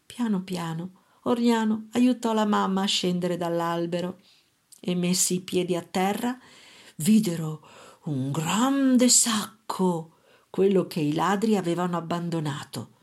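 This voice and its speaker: Slow, gentle woman storyteller. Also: on the low side. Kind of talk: storybook narration.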